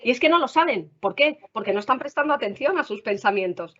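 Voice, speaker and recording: A woman's voice: a little high, expressive, fast. A woman with a Spain Spanish accent, a school counselor giving parents practical advice in a webinar, often checking in with the audience. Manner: warm advisory tone, frequent "vale?" checks. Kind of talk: explanatory talk to parents. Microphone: video call. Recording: dull video-call audio.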